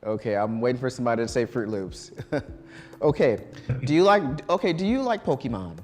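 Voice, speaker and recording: A man's voice: medium pitch, big pitch swings, fairly quick, darkish tone. A man hosting a live student quiz show in a college broadcast studio, chatting loosely with many ums and restarts. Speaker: game show host.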